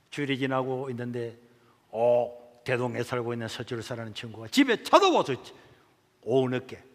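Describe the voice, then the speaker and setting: A man's voice: medium pitch, long reverb tail. A pastor with a Gyeongsang accent giving a testimony sermon, telling his story vividly and acting out its dialogue. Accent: Gyeongsang Korean.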